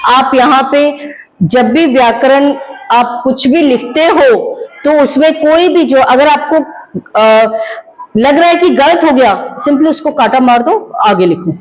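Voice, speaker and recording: A woman teaching Hindi grammar to students, drawing out each word slowly so they can copy her pronunciation and calling them "beta" as she explains. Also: fairly high pitch, darkish tone, low-quality recording. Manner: slow, drawn-out pronunciation of words for students to copy; addresses students fondly as "beta".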